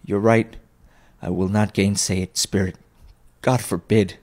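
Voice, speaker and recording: A man's voice: fairly low pitch, steady tone, a little slow, darkish tone, natural voice. A man voicing an old miser, muttering and exclaiming in turn. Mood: agitated. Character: old miser Scrooge, mournful then excited.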